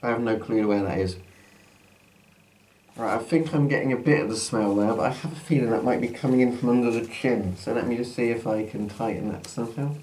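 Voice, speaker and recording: A man's voice: mid-range voice, fairly quick, a little mellow. A man talking through a gas mask with a muffled sound, giving a casual unscripted demonstration as a presenter. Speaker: presenter testing military gas masks. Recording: noisy amateur recording with background noise.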